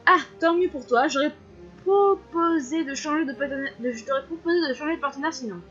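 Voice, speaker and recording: A woman's voice: high-pitched, a little fast, a bit bright. A woman reading the lines of a mysterious male spirit guide in a game, solemn and questioning. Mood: cryptic. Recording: slightly muffled, faint music behind.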